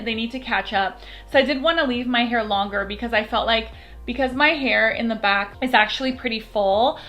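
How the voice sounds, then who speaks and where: Speaking in a fairly high, sharp voice, a woman chats candidly to camera in a casual vlog, peppering her talk with fillers. It's recorded as phone video using the phone's own microphone, not an external one.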